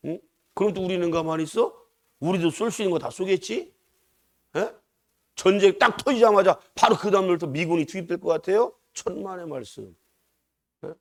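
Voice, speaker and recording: A male pastor preaching at an early-morning service, emphatic and rising and falling, often calling out to the congregation for a response. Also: fairly high pitch. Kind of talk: dawn service sermon.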